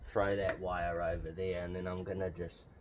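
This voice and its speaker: Standing outdoors next to a car with its bonnet open, a car-mod vlog host talks through each step of his work in a casual, offhand way. His voice is deep and level and his speed normal, with a little hiss or hum on the recording.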